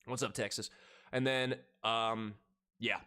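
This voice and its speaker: A man's voice: medium pitch, steady tone, slow, pushed and bright, smooth. A man in his thirties chatting casually with viewers during a live game stream, laid-back and profane. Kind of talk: casual live-stream chat while gaming.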